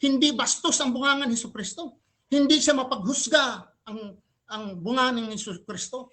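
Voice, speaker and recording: A man argues in a religious debate, and his delivery is forceful and emphatic. He keeps challenging the other side with rhetorical questions and switches languages freely as he talks. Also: very high voice, normal speed. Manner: switches between Tagalog and English mid-sentence. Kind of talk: live religious debate argument.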